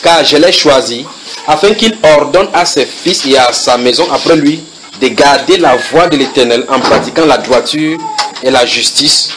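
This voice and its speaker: A man's voice: fairly high pitch, noisy background. A man preaching at a house church Bible study, reading verses and putting questions to his listeners, repeating phrases for emphasis.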